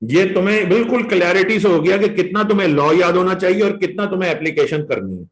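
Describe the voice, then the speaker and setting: Man, Pakistani accent, law lecturer, slightly high voice, slow drawn-out phrasing on key terms, encouraging. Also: expressive, low-quality recording. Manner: mixes Hindi-Urdu with English legal terms, coaxing students; slow and drawn out when reading points aloud. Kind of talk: online revision class.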